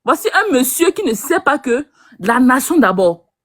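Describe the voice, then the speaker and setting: A woman's voice: high-pitched, very animated, normal speed, no room sound, clean studio sound. A woman from Cameroon, scolding and mocking another panelist on a live stream, often stumbling over repeated words. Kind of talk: heated live stream rebuttal.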